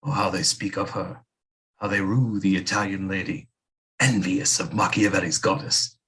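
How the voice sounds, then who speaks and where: In an audio play, an actor voices a flattering, theatrical male seer who serves as a queen's physician. He speaks grandly and dramatically in a courtly style, low-pitched and at a moderate pace.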